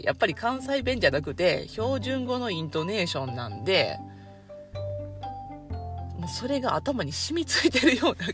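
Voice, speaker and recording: A woman with a Kansai accent talks in a loose, chatty monologue, poking fun at herself and laughing often. Her pitch rises and falls a lot, and soft music plays quietly behind her. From Kansai, Japan. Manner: chatty and self-deprecating, laughs easily. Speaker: podcast host. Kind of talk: casual monologue.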